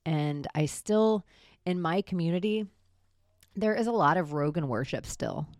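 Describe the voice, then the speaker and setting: A woman's voice: on the low side, unhurried, a little mellow, no room sound, clean studio sound. A woman delivering an opinionated, colloquial monologue in a blunt, sarcastic way, like a vlogger.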